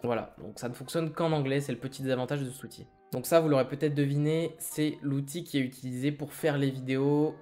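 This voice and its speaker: A man walking viewers through a software tutorial, step by step, with a reassuring, friendly manner. His pitch sits in the middle range, and faint music plays underneath. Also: steady tone, fairly quick, hardly any pauses. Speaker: tech tutorial host. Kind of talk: screen-recorded tutorial.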